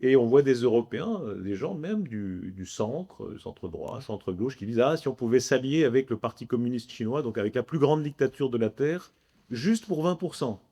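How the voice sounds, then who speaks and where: A man's voice: mid-range voice, expressive, moderate pace, mellow. A man moderating a panel debate, speaking articulately in long, winding, reflective sentences.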